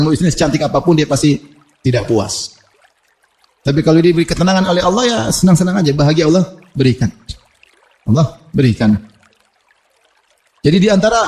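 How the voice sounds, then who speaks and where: Lively high-voiced preacher. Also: male voice. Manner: animated preaching with humorous asides and quoted Arabic. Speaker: Islamic preacher. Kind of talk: sermon.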